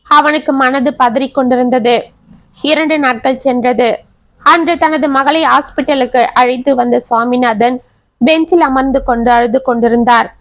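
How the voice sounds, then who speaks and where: A woman narrating a dramatic family story in an expressive, scripted way. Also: sits high, no echo.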